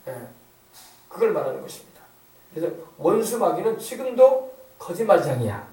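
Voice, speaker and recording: Pastor, man, middle-aged, high voice with a mellow tone, emphatic repetitive preaching, echoey church from a distance. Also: big pitch swings, normal speed. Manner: rhetorical questions, emphatic repetition. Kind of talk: sermon. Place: church sanctuary.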